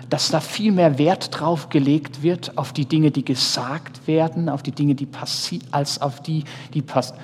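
A man in his thirties, a pastor, preaching a sermon earnestly, speaking straight to his listeners and shifting between loud and soft. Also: on the high side, husky. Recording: reverberant hall, faint ambience.

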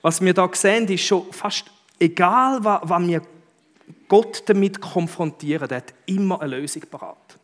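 A middle-aged man with a Swiss German accent preaching a sermon in a lively, conversational way, punctuating his points with emphatic interjections. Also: high-pitched, moderate pace. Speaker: pastor.

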